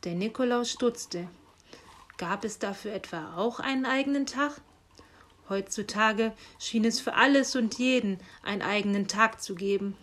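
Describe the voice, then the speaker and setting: A woman reading a children's story aloud, calm and unhurried. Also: mid-range voice.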